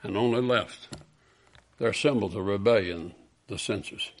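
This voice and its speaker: A man preaching a sermon, moving from hushed storytelling to loud, impassioned peaks. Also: lowish voice, unhurried.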